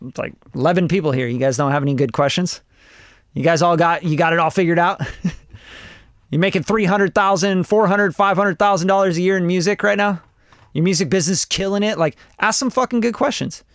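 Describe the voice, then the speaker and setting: In clean studio sound with no echo, a Costa Rican man in his forties speaks briskly in a voice that sits high. He's a music producer reviewing tracks live, chatting casually, bluntly and with plenty of swearing.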